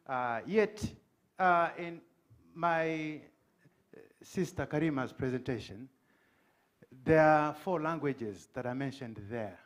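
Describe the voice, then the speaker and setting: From the conference floor, a middle-aged Tanzanian audience member tells a short story before posing his question, earnest and pointed in manner. His voice sits a bit high for a man, and he speaks slowly with long pauses.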